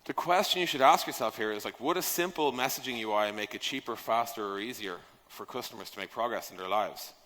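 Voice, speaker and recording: At medium pitch and a fairly quick clip with few pauses, a sharp-toned man speaks on stage in a large, echoey conference hall with long reverb. His informal software product design talk is emphatic and conversational, featuring rhetorical questions and casual swearing.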